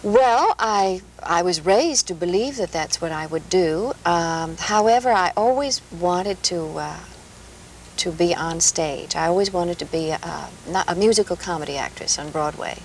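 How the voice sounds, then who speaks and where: A woman from Minnesota, USA, speaks in a low-ish voice at a measured pace, a guest on a 1970s television interview show. She tells stories about her past in a gracious, anecdotal way during a relaxed talk show chat. The audio is poor, a 1970s broadcast with light hiss.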